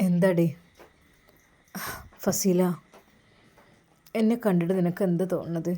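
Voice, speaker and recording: A woman voicing a young husband who is affectionate but troubled, speaking low, soft and earnest. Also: steady tone, a little slow.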